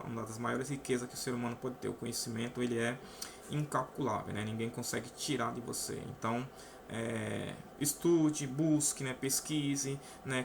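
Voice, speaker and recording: Here a man with a gravelly, mid-range voice and a Brazilian Portuguese accent gives a relaxed online math lesson. He breaks everything down step by step, peppering it with "né?", while the background is noisy.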